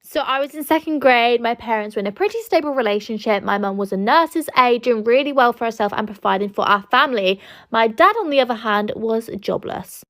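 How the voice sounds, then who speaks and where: A woman's voice: fairly high pitch, fairly quick, a bit bright, dry recording, studio quality. A woman telling a personal story in a plain, earnest storytime narration.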